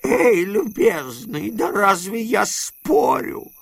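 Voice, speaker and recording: In a storybook reading, a man puts on a frightened old miser, an uncle who pleads and blusters. The voice sits high and leaps all over the place. The sound is dry and close. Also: huge pitch swings, gravelly, fairly bright tone, breathy edge, dry recording, exaggerated voice. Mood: nervous, blustering. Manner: shrill, pleading, quick to bluster.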